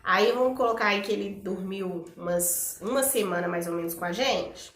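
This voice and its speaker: A woman with a Minas Gerais accent, telling a family story to camera in a chatty, animated way with many fillers. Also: mid-range voice, moderate pace, reverberant, a little hiss or hum. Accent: Minas Gerais Portuguese. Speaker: vlogger and mother.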